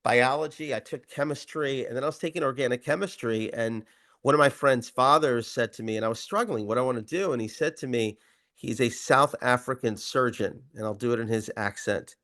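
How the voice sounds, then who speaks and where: Brief: male rabbi, casual anecdotal interview talk, mid pitch. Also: fairly quick. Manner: anecdotal, rambling, relaxed. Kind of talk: interview storytelling.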